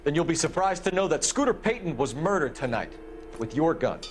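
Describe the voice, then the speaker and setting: An actor playing a brisk, dutiful, by-the-book American police officer in a video game. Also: male voice, fairly high pitch, sing-song. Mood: accusing, firm. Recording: loud background noise and vehicle sounds.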